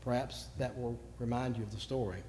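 A man preaching a sermon, telling stories and moving between quiet asides and sudden loud bursts. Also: mid-range voice, steady tone, brisk, slight background noise. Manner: storytelling, swings from quiet to shouting. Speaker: pastor. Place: church sanctuary. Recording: long church reverb.

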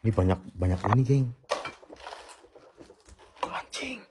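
A man's voice: medium pitch, moderate pace, noisy background. A man with livestreaming a ghost hunt in an abandoned house at night, jumpy, swearing and muttering prayers. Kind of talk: live ghost-hunting stream.

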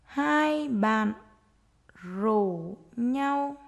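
A woman's voice: a little high, expressive, extremely slow, vocal fry. A woman primary school teacher dictating to young pupils, saying short phrases word by word and repeating each one.

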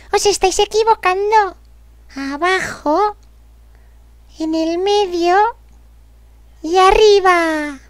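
A man voicing a squeaky, high-pitched character in a children's music lesson, chanting the names of pitches. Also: fairly bright tone, no room sound, exaggerated voice.

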